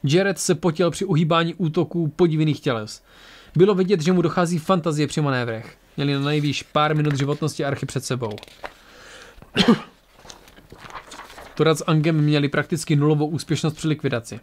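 A man narrating an amateur audiobook in a plain reading voice with occasional restarts. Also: fairly high pitch.

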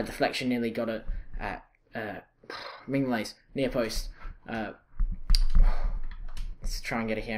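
A young Scottish man with a lowish voice offers casual commentary over his football game footage for his gaming channel. Chatty and excitable, he fills pauses with ums and uhs, corrects himself mid-sentence, and his voice jumps up whenever things go well.

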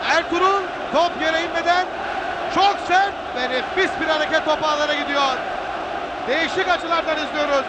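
High-pitched, excited male football commentator. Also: normal speed. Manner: excited, screaming goal calls. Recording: noisy 1990s broadcast, loud stadium crowd. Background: roaring stadium crowd.

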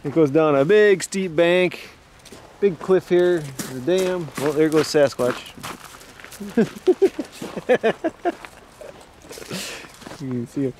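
A man's voice: a little high, expressive, takes it slowly, long pauses, darkish tone, slight background noise. Laid-back man narrating a fishing trip outdoors. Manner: laid-back, chuckling, trails off. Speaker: fishing vlogger. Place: outdoors by rivers and a lake.

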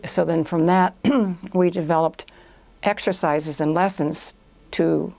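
Her voice is lowish, gravelly, and a little mellow, delivered slowly with a steady tone. The speaker is an older woman in about her 60s or 70s and a language institute owner. She appears as a guest in a small indoor studio podcast interview, walking through her answers conversationally, one step at a time.

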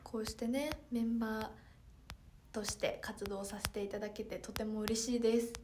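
A woman's voice: on the high side, flat delivery, normal speed, noisy background. Cheerful teenage girl with a Toyama accent. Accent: Toyama dialect. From Toyama, Japan. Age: teens (16). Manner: bright and polite, many fillers, reads comments aloud. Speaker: idol livestreamer reading viewer comments. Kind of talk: casual livestream chat.

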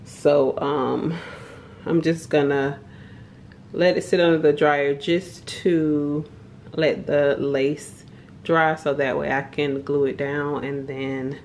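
A woman's voice: sits low, a little mellow, slight background noise. A young adult woman vlogging at home, chatting enthusiastically to her viewers as she shows off a wig. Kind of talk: casual product review vlog. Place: home kitchen and living room.

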